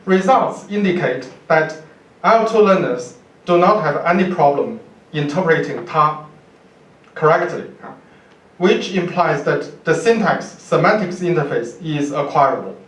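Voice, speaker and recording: A man with a Chinese accent, a university professor, delivers an academic lecture from his notes at a podium, halting and deliberate with repeated words. His voice runs on the high side, with lively intonation and a fairly bright tone, heard through a far camera mic in a roomy, distant lecture room.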